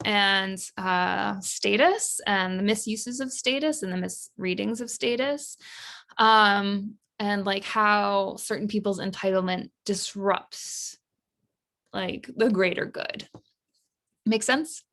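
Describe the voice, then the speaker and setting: A woman teaching a class in a loose, chatty way, full of fillers and asides. Her voice carries a slight gravelly edge at a middle pitch. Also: slow pace. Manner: lively, acts out quotes with laughs and fillers. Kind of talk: classroom lesson on a play.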